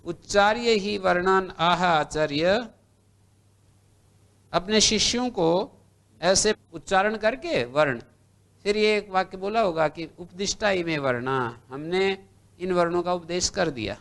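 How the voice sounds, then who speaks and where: A man teaching Sanskrit grammar in a classroom lecture. He recites lines from old texts and then explains them slowly, one step at a time. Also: high-pitched, animated, fairly bright tone. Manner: slow, recites text then explains, lists letters one by one.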